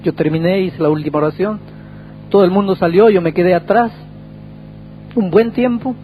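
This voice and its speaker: A man's voice: high voice, moderate pace, dark tone, poor audio. A pastor, a man with a slightly raised voice, preaching a sermon as a story. He acts out each character's lines with dramatic swings in his voice. A faint hum sits behind him. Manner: dramatic storytelling with acted dialogue.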